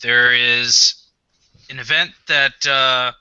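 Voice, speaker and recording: A man's voice: medium pitch, fairly even intonation, slow pace, pushed and bright, clean tone, dry recording. A man hosting a podcast in casual chat, hesitant with many fillers as he works through a list of names. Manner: hesitant, lots of "uh" fillers, reads through lists. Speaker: podcast host. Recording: dull, dry, muffled audio.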